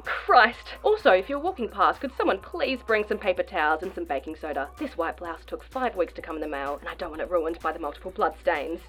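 Woman acting an animated Australian traffic reporter. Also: mid-range voice. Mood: flustered. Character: cheerfully professional female traffic reporter carrying on through disaster. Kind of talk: scripted radio comedy sketch.

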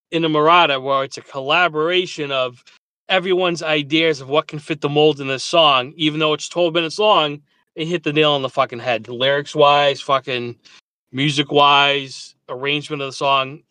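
A man's voice: fairly high pitch, sharp tone, clean tone, no echo. A man co-hosting a podcast in casual chat, emphatic and swearing freely as he praises music. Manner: emphatic, profane, enthusiastic. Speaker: podcast co-host.

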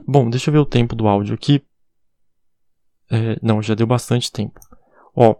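A man's voice: medium pitch, darkish tone, no room sound, studio quality. A man giving a casual recorded English lesson, spelling words out letter by letter and checking in with "tá bom?". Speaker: English teacher.

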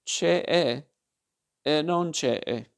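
A man's voice: fairly high pitch, drawn-out words, vocal fry, exaggerated voice. A man voicing a spiteful old man in a storybook reading, with a taunting, sneering manner. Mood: sly.

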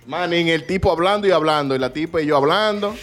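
A young man, rambling through a story in slangy casual chat as podcast co-host. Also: high voice.

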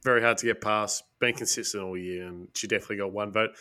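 A man's voice: fairly low pitch, steady tone, fast talker, sharp tone. An Australian man co-hosting a casual sports chat, blunt and emphatic in his calls. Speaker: podcast co-host.

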